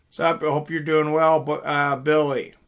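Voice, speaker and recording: Delivering his lines flatly at a normal speed in a voice on the high side, this host reacts to fights on a casual live stream. He's chatty and informal, saying hello to viewers and reading their chat messages out loud.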